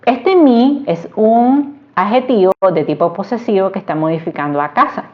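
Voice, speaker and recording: A woman from Latin America teaching a Spanish grammar lesson, explaining slowly and stressing her example sentences. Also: medium pitch, lively intonation. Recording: dull lo-fi sound.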